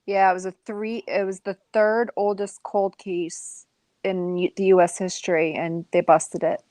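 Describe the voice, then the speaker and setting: A woman's voice: mid-range voice, little pitch movement, a little slow, darkish tone, no echo. A woman in a casual live stream chat, telling a story in a chatty way with many fillers.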